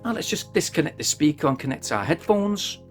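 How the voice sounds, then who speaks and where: A man's voice: fairly high pitch, very animated, a little fast, faint music behind. A man giving a chatty, jokey product review in a casual, upbeat way.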